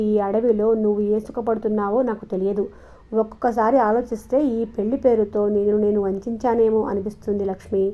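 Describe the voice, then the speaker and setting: A woman voicing a quiet, brooding village father who talks in a low, wistful way, in a dull lo-fi recording. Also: natural voice.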